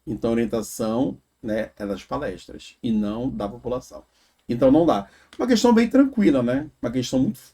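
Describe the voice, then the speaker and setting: A man's voice: mid-range voice, warm tone, breathy edge. A man teaching an exam prep grammar lesson, explaining step by step and checking in with "né?" and "tá?". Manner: explains slowly, drawing out example words, frequent "né?" and "tá?".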